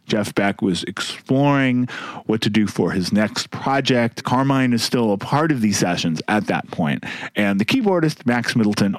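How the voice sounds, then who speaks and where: With a lowish voice and no room sound, a man hosts a music podcast, discussing songs casually and wryly and occasionally humming a tune.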